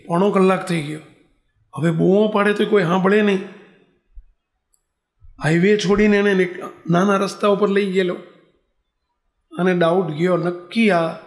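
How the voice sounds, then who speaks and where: A man preaching a devotional story in an animated way, with a high voice and a gravelly texture. The sound echoes around a roomy hall. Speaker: spiritual leader.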